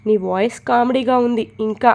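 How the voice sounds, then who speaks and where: A woman voicing a feisty, sharp-tongued young woman in a storybook reading, sassy and defiant. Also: fairly high pitch, fairly even intonation, a little fast, natural voice.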